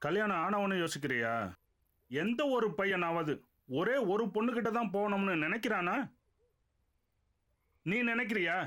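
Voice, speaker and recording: A man's voice: sits high, unhurried, long pauses, a bit bright. An actor playing a cocky young man who mockingly goads his friend. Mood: goading. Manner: mocking, goading. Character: cocky young male friend, needling and crass.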